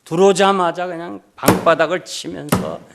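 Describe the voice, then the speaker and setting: An older man preaching a revival sermon as pastor, urging loudly one moment and telling a story softly the next. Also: on the high side, fairly even intonation, normal speed, creaky, very noisy. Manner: emphatic, swings between loud urging and soft storytelling.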